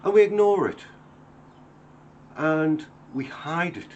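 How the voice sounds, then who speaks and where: A man's voice: fairly high pitch, expressive, slow, darkish tone, highs cut off. A man in his fifties speaking earnestly to camera from his workshop, plain-spoken and reflective. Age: 50s. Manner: earnest, plain-spoken, acts out everyday dialogue. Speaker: woodworker. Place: home workshop.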